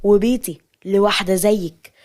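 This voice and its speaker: A cruel, jealous husband sneers and threatens with an Egyptian accent, as a woman storyteller puts him on, in a plain medium-pitched voice. His manner is mocking and menacing. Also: moderate pace, a little mellow, lightly acted. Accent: Egyptian Arabic.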